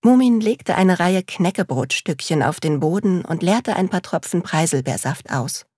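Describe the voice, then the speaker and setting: A woman narrating a storybook in a slow, calm, measured reading. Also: on the low side, slightly rough, no room sound, studio quality.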